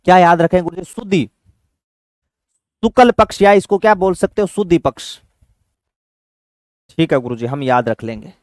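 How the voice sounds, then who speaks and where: Man, high voice, dry close sound, fatherly exam-prep teacher. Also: no echo. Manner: fatherly, calls students "beta", quizzes and answers himself; chants mnemonic tricks slowly.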